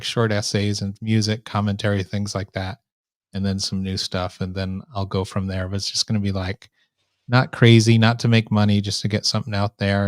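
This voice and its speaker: Guy hosting a casual live chat, kinda low nasal voice, right on the mic, no echo. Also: clean studio sound. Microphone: microphone right up close.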